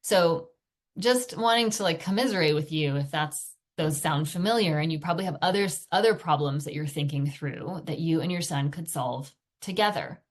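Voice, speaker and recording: Low-voiced woman coaching parents. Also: normal speed. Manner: conversational, often checks in with "okay?" and "right?"; acts out quoted phrases parents say to their sons. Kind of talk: teaching a video lesson.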